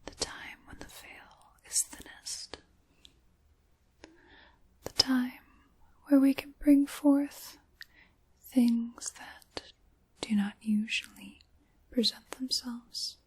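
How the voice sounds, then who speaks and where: In an ASMR roleplay, a woman plays a sly, ancient dark witch, speaking in a high-pitched, breathy whisper. Her phrasing is deliberate, theatrical and old-fashioned, and the mood is sinister and conspiratorial.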